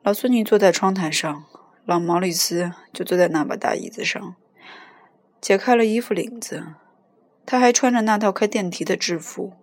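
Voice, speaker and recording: A woman narrating a novel in the first person, with a steady storytelling delivery. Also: medium pitch, moderate pace. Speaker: audiobook reader.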